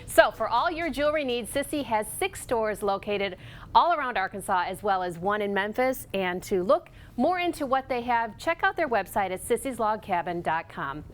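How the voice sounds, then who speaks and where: A woman's voice: on the high side, expressive, moderate pace. A woman presenting as a lifestyle show host, in conversational sales patter with frequent check-in tags. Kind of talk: presenting products to viewers.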